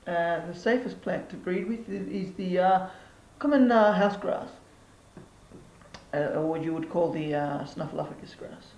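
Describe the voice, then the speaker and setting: A man's voice: sits high, a little slow, a little mellow. A man playing a vague, forgetful plant professor who hesitates and forgets names. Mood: hesitant. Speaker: mock expert interviewee. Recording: roomy with faint background noise.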